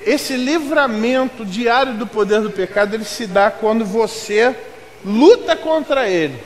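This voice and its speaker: High-voiced Carioca pastor preaching. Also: male voice, animated, measured pace, a little hiss or hum. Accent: Carioca Brazilian Portuguese. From Rio de Janeiro, Brazil. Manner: emphatic, builds to loud outbursts. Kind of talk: sermon. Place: church sanctuary.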